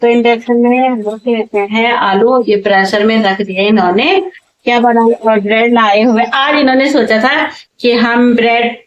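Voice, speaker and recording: Woman from uttarakhand, home vlog, talks loud and a bit high, chatty, kinda tired and under the weather. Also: fairly even intonation, moderate pace, highs cut off. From Uttarakhand, India. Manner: loud, talkative, says she speaks loudly by habit. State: unwell, tired. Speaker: home vlogger. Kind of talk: casual home vlog chat. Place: small home rooms and kitchen. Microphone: clip-on mic at times, later phone camera without it.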